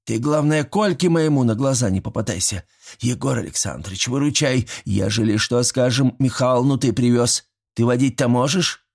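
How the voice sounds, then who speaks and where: A man's voice: medium pitch, moderate pace, gravelly, darkish tone, husky, voice pushed up. A man voicing a fussy, chatty old village woman who talks in a folksy way. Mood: fussing. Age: older.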